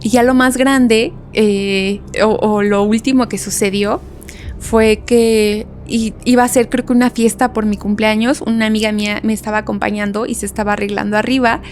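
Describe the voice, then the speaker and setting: A young woman with a Mexican Spanish accent telling a story in a casual podcast chat, animated and laughing often as she acts out voices. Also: fairly high pitch, moderate pace, slight background noise. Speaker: podcast guest.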